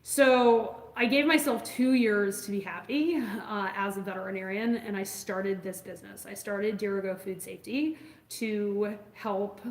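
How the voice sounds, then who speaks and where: A woman's voice: medium pitch, steady tone, a little slow. A woman in her forties talking casually to the camera as a food safety consultant, chatty and enthusiastic, rambling with fillers and restarts. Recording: roomy echo.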